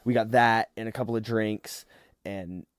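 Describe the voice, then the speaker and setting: A man co-hosting a podcast, chatting casually and in a relaxed way about a theme park trip. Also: lowish voice, normal speed, clear, resonant tone, no echo, studio quality. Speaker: podcast co-host. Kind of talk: casual trip recap chat.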